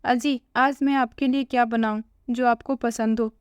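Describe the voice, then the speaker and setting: A woman voicing a patient, hurt older mother-in-law who speaks in a gentle, pleading way. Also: on the high side, fairly even intonation, moderate pace, clean tone, dry recording, lightly acted.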